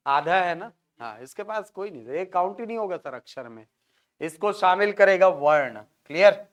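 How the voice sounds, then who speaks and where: High-voiced Hindi teacher drilling a class. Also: male voice, lively intonation, moderate pace. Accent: Chhattisgarhi Hindi. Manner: drills syllables aloud, often checks if students follow. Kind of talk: classroom lecture. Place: classroom with board.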